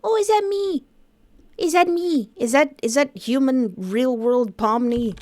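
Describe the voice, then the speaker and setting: A woman's voice: medium pitch, very animated, fairly quick, dry recording, close to an everyday voice. A woman voicing a frightened, jittery young woman who reacts to horrors with panicky, wisecracking exclamations. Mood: startled disbelief. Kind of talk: dramatic character reactions.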